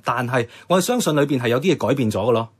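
A man at medium pitch, with lively intonation and a breathy edge, races through his lines. He's acting in a radio drama as a stubborn, idealistic young activist with a Hong Kong Cantonese accent, earnestly and insistently trying to persuade.

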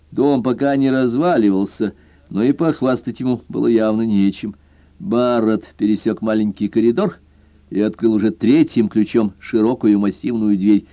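A man reading a first-person detective novel aloud in a lively, expressive way, in a dull lo-fi recording. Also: lowish voice, no echo. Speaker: audiobook narrator. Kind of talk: scripted first-person narration.

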